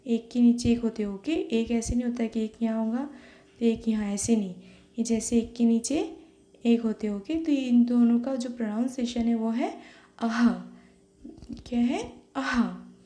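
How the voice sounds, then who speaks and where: A young woman teaches small children in an online class, walking them through each step and checking in with "okay" after every point, often mixing in English words. Her voice is fairly high and warm, with fairly even intonation and a normal speed. The room sounds echoey.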